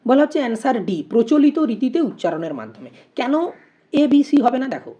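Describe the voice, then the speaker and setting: A woman's voice: on the high side, mellow. A woman teaching an exam-prep lesson. She reads out multiple-choice questions and options, then explains each answer step by step and poses rhetorical questions.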